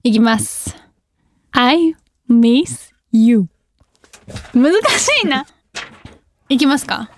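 A woman's voice: high-pitched, a little slow, pauses often, no room sound. A young woman hosting a radio show, reading listener mail in a giggly, self-deprecating way. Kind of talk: casual radio chat. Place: radio studio.

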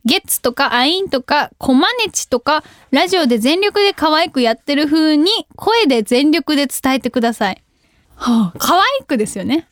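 A woman's voice: sits high, lively intonation, moderate pace, dry recording, studio quality. A young woman hosting a radio show, reading listener mail in a giggly, self-deprecating way. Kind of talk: casual radio chat. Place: radio studio.

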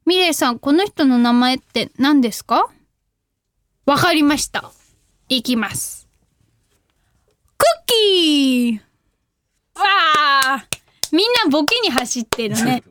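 A young woman hosts a radio show, reading listener letters in casual chat; she's bubbly and giggly and sometimes shouts catchphrases. Her high voice is expressive and moves at a normal speed. The sound is studio quality, with no room sound.

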